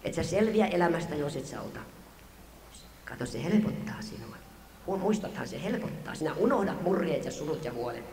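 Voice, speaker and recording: A man voicing a sly male devil in whispered role-play, coaxing in a hushed whisper, recorded in an echoey hall. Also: a little high, animated, far from the mic, natural voice. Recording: echoey hall, faint noise.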